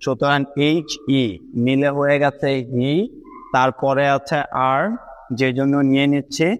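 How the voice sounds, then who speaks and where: A man's voice: mid-range voice, level tone, measured pace, clean tone. A young man teaching English pronunciation rules patiently, often checking that his viewers follow. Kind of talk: explaining a lesson to students.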